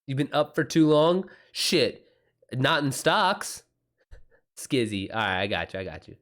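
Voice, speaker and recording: Very animated yet a little slow, this livestream host talks in a medium-pitched, somewhat bright voice. He's an American self-published author chatting casually, using slang and answering viewers' comments as they come in.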